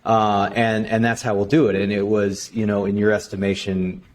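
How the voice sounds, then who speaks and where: Male interviewer, enthusiastic, affirming, fairly low voice, faint background noise. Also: level tone, moderate pace. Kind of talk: interview questions.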